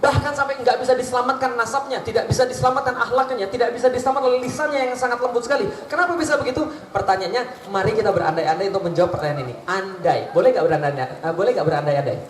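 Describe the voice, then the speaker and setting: A male preacher with a strikingly high voice delivers a lively sermon. He quizzes his audience and slips into little acted dialogues. The sound carries through an echoey hall. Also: racing, few pauses, a little hiss or hum. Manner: lively, asks the audience questions, acts out dialogues. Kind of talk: Islamic sermon.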